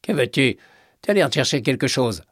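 A man's voice: medium pitch, sing-song, a little fast, no echo, clean studio sound, pitched above the performer's own voice. A man voicing a sinister old female kiosk witch, with a dull, grating voice and a cold, curt manner. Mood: icy. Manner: icy, curt.

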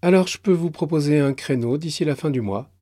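A man's voice: on the high side, brisk, mellow, dry recording, clean studio sound, pitched above the performer's own voice, natural voice. A man voicing a tired young female benefits clerk, polite and a little uneasy. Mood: politely firm.

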